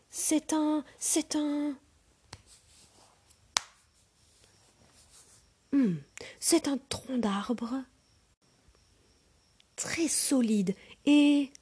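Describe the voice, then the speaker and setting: Lady doing blind guys feeling an elephant, hesitant then sure of themselves, raised breathy voice. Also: fairly high pitch, darkish tone, exaggerated voice. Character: blind men groping an elephant, each sure.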